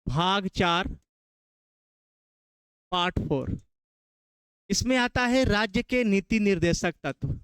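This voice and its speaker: A man's voice: high voice, animated, slow, pauses often, a bit bright, smooth, no room sound. A man from Bihar with a Bihari Hindi accent, teaching a classroom lecture, quizzing his students and repeating key terms.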